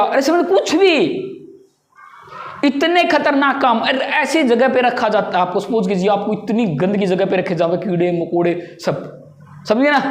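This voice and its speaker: Brief: woman teacher, slightly high voice, drills answers back at students, echoey room. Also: a little mellow. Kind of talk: general knowledge lesson.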